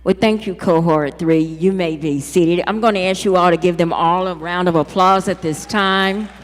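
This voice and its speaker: A woman's voice: lowish voice, normal speed. A woman hosting a university ceremony, upbeat and proud, with casual asides. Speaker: program host. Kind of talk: ceremony emcee speech. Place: large hall. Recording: long hall reverb.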